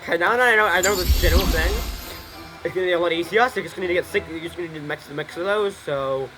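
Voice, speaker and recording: Speaking rapid-fire in a high-sitting voice, a young man streams his gameplay and comments casually over game music. He rambles, swears and says things more than once.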